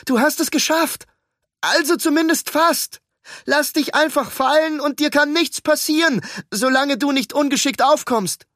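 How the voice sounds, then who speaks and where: A man calling as Ruben, shouting up urgently. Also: extremely high pitch, a little slow, dry recording, clean studio sound, voice pushed up. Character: young man shouting up anxiously from a courtyard.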